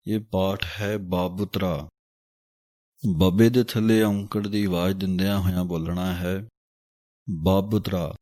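Man, low-pitched and unhurried, chanting verses in a teaching recitation, dry close sound. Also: fairly even intonation, dark tone, no room sound. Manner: alternates slow chanted verse with quick spoken pronunciation notes.

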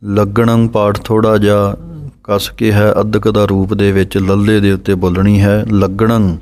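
Male recitation teacher, low and level delivery, slow and deliberate, spells out each letter. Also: completely flat delivery, darkish tone. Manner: measured, spelling out letters and pauses carefully. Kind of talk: slow instructional recitation lesson.

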